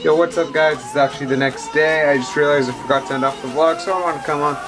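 A man's voice: fairly high pitch, steady tone, quick pace, very noisy. A young man joking his way through a casual travel vlog outdoors, filmed on a handheld camera at arm's length. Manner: joking, playful narration to camera. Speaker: vlogger. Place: outdoors on forest trails and a harbor. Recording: music under the voice.

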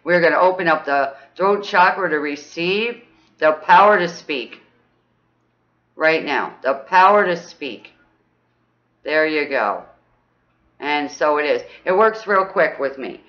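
A woman leading a guided throat chakra exercise, chatty and upbeat, often checking in with "okay?" and breaking into high whoops. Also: expressive, takes it slowly, long pauses, muffled recording. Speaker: spiritual teacher.

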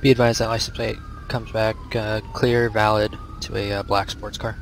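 A man working as a police dispatcher, heard over a police radio, answering with clipped radio codes in a flat delivery. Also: lowish voice, normal speed, creaky, a little hiss or hum.

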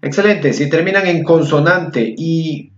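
A man teaching a slow grammar lesson, drawing out example words and often checking in with his listeners. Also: a little high, animated. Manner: slow, drawn-out word examples, frequent praise and check-in questions. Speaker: Spanish teacher. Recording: roomy, dull lo-fi sound with faint guitar music.

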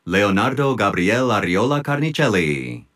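Man reading graduate names, lively pitch. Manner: measured, deliberate name-reading. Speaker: commencement name reader. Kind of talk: formal announcing of graduate names. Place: outdoor tent stage at a graduation.

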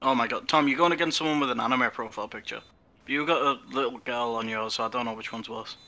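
Bright-toned excitable young man. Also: mid-range voice, fast talker. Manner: excitable, swears freely. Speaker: gamer. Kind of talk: casual voice chat while gaming.

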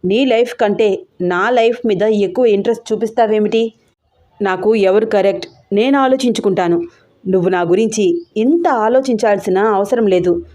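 A woman voicing a lovesick, insistent young man who speaks in a lowered, pressing voice in an audio story. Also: normal speed, long pauses, dark tone, natural voice. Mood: brooding.

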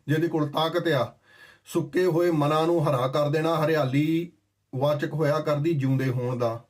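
A man giving a sermon that explains scripture. He chants verses slowly and then explains them in plain, conversational talk. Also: fairly high pitch. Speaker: Sikh scripture preacher.

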